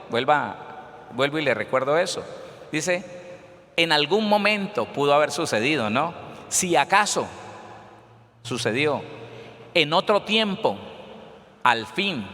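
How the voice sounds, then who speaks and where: Male pastor preaching with fervor, slightly higher than average voice, long reverb behind him, faint ambience. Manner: fervent preaching, rising to shouts, addresses congregation as brother. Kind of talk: sermon.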